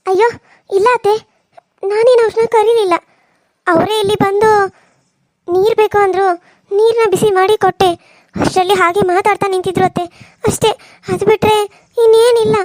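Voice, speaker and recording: A woman's voice: very high voice, fairly even intonation, normal speed, pauses often, darkish tone, no room sound, clean studio sound, voice pushed up. Woman voicing a meek pleading young wife. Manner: pleading, tearful. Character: meek, loving young wife from a poor family. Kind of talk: cartoon serial voice acting.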